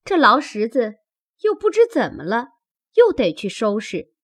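A woman voicing a quick-tempered young maid who scolds rapidly in a high, shrill voice. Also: very animated, a bit bright, slightly rough, exaggerated voice. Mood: complaining.

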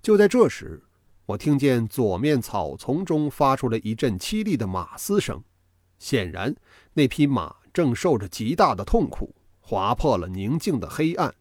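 A male storyteller reads a novel aloud with dramatic, expressive flair. His pitch swings widely as the tension builds and falls. The recording is dry and close, with no room echo. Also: measured pace. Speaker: audiobook narrator. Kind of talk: scripted storytelling narration.

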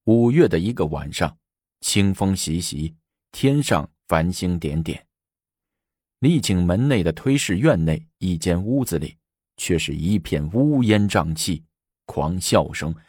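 A man narrating a historical tale with an animated, dramatic delivery. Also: deep voice, a little slow, slightly rough, dry recording, studio quality. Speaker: storyteller. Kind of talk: storytelling narration.

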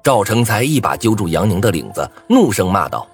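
A man's voice: fairly low pitch, sing-song, fairly quick, slightly rough, faint music behind. A man narrating a first-person thriller story with a dramatic, swinging delivery.

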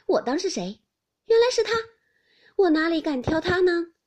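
Woman reader doing a touchy young noblewoman, high, loud and husky, reproachful and sulky. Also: sing-song, moderate pace. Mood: teasing. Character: young noblewoman, sharp-tongued, touchy and tearful. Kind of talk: audiobook character reading.

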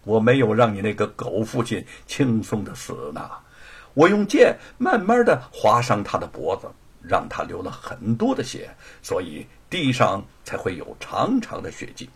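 A man voicing a proud young heroine avenger in a storytelling performance, speaking high and loud in fierce outbursts. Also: huge pitch swings, moderate pace, gravelly, slightly rough, heavily acted. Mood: furious.

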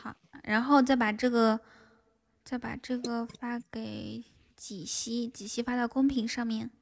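A woman's voice: fairly high pitch, fairly even intonation, unhurried, gravelly. A woman hosting a casual livestream, chatting with viewers in a playful, coaxing way. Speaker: livestream host. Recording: music playing behind the voice.

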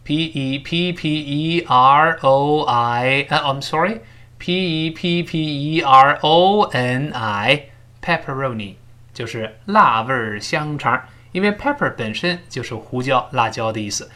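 Man, English teacher, recorded lesson, bright tone, very animated pitch, repeats phrases for students. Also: takes it slowly. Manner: explains sounds step by step.

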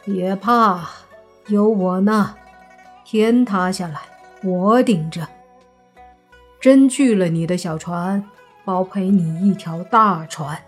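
A woman's voice: medium pitch, slow pace, pauses often, breathy edge, faint music behind. A woman voicing a proud, commanding male emperor in disguise while reading a story aloud. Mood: haughty. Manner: haughty, commanding.

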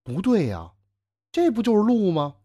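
A man voicing a timid, fawning young scholar who stammers, speaking low and hushed. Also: huge pitch swings, normal speed, exaggerated voice. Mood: meek pleading. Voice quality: low and hushed compared with the narrator. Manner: stammering, meek and pleading.

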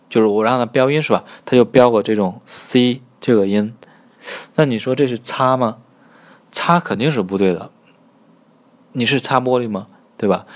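A man teaching Korean pronunciation in a recorded lesson, patiently demonstrating sounds slowly and repeating them. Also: medium pitch.

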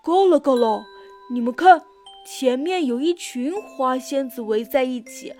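Lady doing a shouty cartoon critter pal, high voice, faint music behind. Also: a little slow. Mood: excited.

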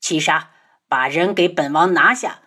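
A woman's voice: slow, a bit bright, husky, exaggerated voice. A woman voicing a stern young man, a prince who speaks coldly and curtly. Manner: cold, clipped and lowered. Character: stern young male prince, cold and protective.

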